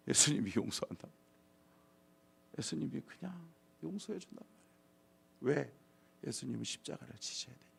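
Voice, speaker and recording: A middle-aged male pastor preaching a dawn sermon, dramatic and swinging from loud calls to near whispers. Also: medium pitch, vocal fry, slightly rough. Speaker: senior pastor. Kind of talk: dawn service sermon and prayer.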